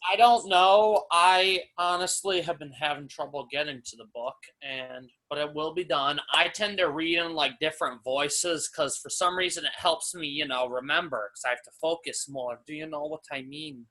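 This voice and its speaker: Bright, high-voiced young man in class. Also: normal speed, few pauses. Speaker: student. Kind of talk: casual class discussion.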